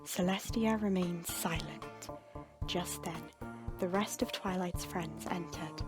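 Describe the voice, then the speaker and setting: Over music, a woman reads scripted fiction slowly in a lowish voice. Her dramatic storytelling trails off breathily and suspensefully at the end of phrases.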